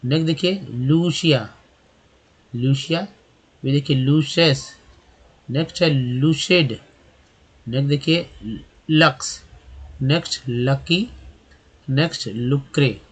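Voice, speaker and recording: A man gives an English lesson. He spells each word letter by letter and keeps asking and answering his own questions, in a voice of middling pitch. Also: slow pace, long pauses, slightly rough. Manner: spells words letter by letter, asks and answers himself. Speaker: English teacher. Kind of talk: explaining pronunciation.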